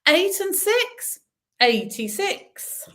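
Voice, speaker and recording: A woman working as a bingo caller, reading out numbers digit by digit with drawn-out pauses and chatty, informal asides to the players. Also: very high voice, very animated, a bit bright.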